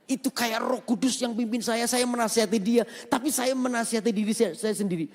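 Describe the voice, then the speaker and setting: A man, a pastor preaching an emotional, animated sermon at a large service. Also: very high voice, brisk. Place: large venue, rooftop church service. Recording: reverberant hall with music.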